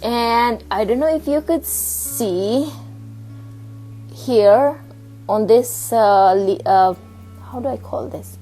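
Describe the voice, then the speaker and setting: This plant vlogger's voice is on the high side and mellow as she shows off her plants in a relaxed show-and-tell at home by her plant shelf. She's chatty yet slow, a bit breathless, and stops to search for words, with faint music behind her on poor audio.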